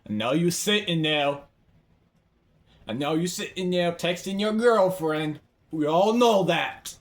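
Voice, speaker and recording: Excitable young gamer, high and lively. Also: male voice, measured pace. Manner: excitable, swings from hushed mumbling to yelling. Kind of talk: live game commentary.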